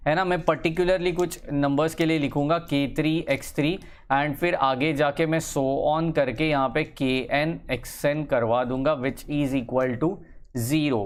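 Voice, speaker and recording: A young man teaching engineering maths in a casual lecture, encouraging his students, repeating phrases and drawing words out slowly as he writes. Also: fairly high pitch. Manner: encouraging, chatty asides to students. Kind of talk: casual Hindi-English lecture.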